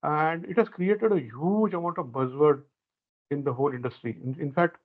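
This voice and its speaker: Indian accent guy moderating a talk, halting, repeats himself, thin phone-like sound. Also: a little high. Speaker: panel moderator. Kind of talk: semi-formal spoken discussion. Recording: tinny, phone-like call audio.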